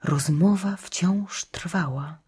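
A woman narrating an audiobook with steady, grave storytelling, sinking to a whisper at the hushed parts. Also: on the low side, very slow, breathy edge.

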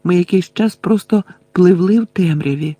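A man reading aloud, voicing a calm, dreamy teenage witch who speaks softly and slowly. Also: high voice, slightly rough, dry recording, pitched above the performer's own voice.

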